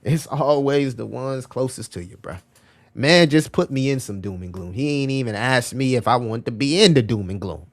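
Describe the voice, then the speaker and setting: A man's voice: medium pitch, expressive, normal speed. A man hosting a casual live stream, talking in a loose, slangy and repetitive way and answering chat messages as he reads them. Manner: loose, slangy and repetitive, often calling out "bro". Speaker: crypto livestream host.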